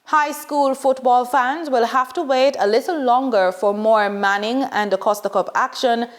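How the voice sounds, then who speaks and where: A woman anchoring a news bulletin, reading in a measured, scripted way. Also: on the high side.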